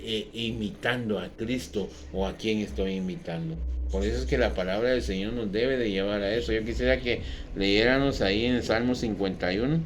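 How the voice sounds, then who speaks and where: A man preaching a sermon as a pastor, swinging from loud, emphatic outbursts to quieter teaching. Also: lowish voice, a little hiss or hum.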